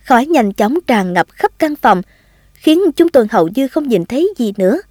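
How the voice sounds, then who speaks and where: A woman narrating a first-person story in a calm, expressive reading. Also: fairly high pitch, normal speed, no echo, studio quality.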